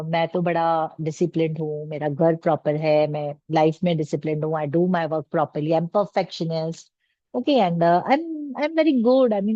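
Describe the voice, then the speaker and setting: A woman's voice: on the low side, mellow, no room sound, lo-fi sound. A middle-aged woman, a life coach leading a group session in casual talk, switching between Hindi and English and acting out family conversations. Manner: mixes Hindi and English, quotes family dialogue in different voices.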